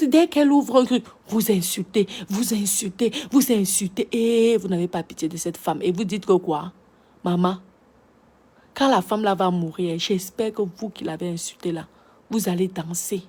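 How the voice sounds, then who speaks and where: A woman's voice: medium pitch, darkish tone. A woman with a Cameroonian French accent, scolding her audience in an impassioned monologue full of repeated rhetorical questions. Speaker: social media commentator. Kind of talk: impassioned live-video monologue.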